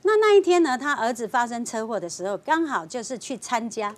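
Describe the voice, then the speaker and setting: A woman, a fortune-teller guest on a talk show, telling a story in a lively way and acting out the voices of the people in it. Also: fairly high pitch, a little fast. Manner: lively storyteller, voicing clients and police.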